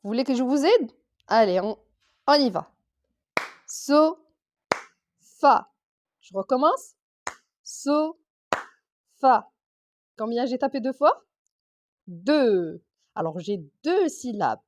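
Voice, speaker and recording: A woman teacher, slowly sounding out letters, sounds and syllables for young children in a reading lesson. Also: a little high, expressive, background noise. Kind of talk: primary school reading lesson.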